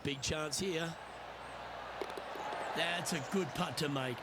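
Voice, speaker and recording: A man giving golf commentary as lead announcer, in understated, measured remarks on play. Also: fairly high pitch, heavy background noise.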